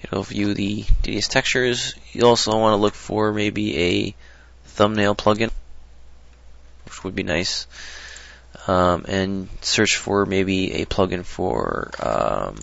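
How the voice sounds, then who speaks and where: Brief: deep, gravelly man, loose rambling tutorial delivery, dull dry lo-fi recording. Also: slow, a bit bright, no echo. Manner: rambling, hesitant, lots of ums and restarts. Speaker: modding tutorial presenter. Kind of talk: casual screen-recorded tutorial.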